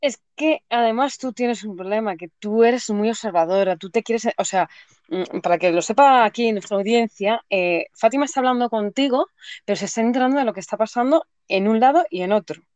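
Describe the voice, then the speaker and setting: A woman's voice: a little high, fairly quick, a little mellow, dry recording. A woman with a Spain Spanish accent in casual chat, talking emphatically with plenty of slang. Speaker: podcast co-host.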